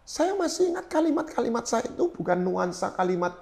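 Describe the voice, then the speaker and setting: A middle-aged man from East Java, a pastor telling his personal testimony in an interview, animated and swinging between loud and soft as he acts out his own prayers, with English phrases dropped in. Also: extremely high pitch, brisk, vocal fry. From East Java, Indonesia. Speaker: pastor, guest.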